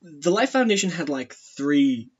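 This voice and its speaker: A man's voice: on the high side, very animated, measured pace, highs cut off, slight background noise. A man co-hosting a casual film review chat, with dry, wry asides.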